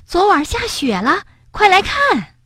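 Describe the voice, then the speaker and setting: A woman voicing a playful, stubborn young male rabbit in a children's storybook, with excited, shrill calling. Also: normal speed, slightly rough, no echo, studio quality, exaggerated voice.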